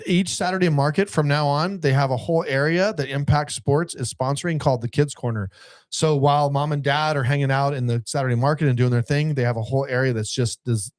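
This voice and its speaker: A man's voice: medium pitch, a little mellow, no echo. A man hosting a casual community podcast, reading out local events with wry, mock-sarcastic asides. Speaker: podcast host.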